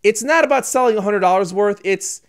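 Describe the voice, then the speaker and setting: A man co-hosting a casual podcast, rambling through animated rants with sudden louder outbursts and frequent laughter. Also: high voice, a little fast. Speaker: podcast co-host. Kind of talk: casual chat.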